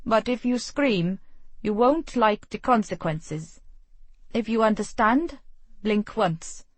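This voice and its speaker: A woman reading a gruff, commanding young man who is dazed from a blow, in an audiobook. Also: a little high, takes it slowly, no room sound. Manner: growling, curt, sardonic. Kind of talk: audiobook dialogue.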